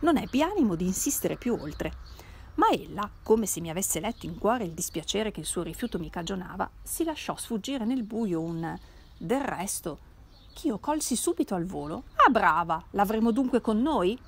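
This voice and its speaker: A woman reading a classic novel aloud in an expressive, measured way. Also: medium pitch, creaky, breathy edge. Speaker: reader.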